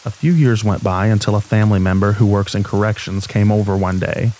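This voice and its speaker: A man calmly and steadily narrating scripted horror stories meant for falling asleep. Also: on the low side, brisk, poor audio. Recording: steady rain sound behind voice. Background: rain ambience.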